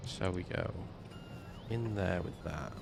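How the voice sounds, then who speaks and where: Gravelly and low, this streamer's voice comes through a noisy background as he mutters slowly about what he's building in his game. It's casual gameplay talk, and a slight cold leaves him snuffly.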